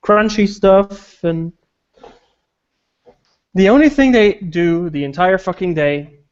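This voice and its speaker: Man, high voice, crude teasing chat, muffled lo-fi call sound. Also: slow pace. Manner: crude, teasing, searching for words. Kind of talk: casual joking chat. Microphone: online group call microphone. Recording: dull, lo-fi call audio.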